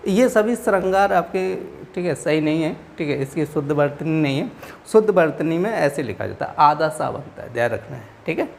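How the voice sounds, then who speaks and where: A male teacher with a gravelly, slightly rough voice walks through exam answers in a patient, repetitive way. He keeps pausing to check in with his students before moving on. A faint hiss sits behind him. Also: fairly high pitch, lively intonation. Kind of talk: explaining exam answers in a lesson.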